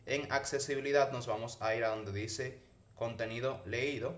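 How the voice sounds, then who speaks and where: A man's voice: mid-range voice, steady tone, normal speed. A man narrating a casual tutorial in Spanish, instructing viewers directly one step at a time. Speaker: tutorial host.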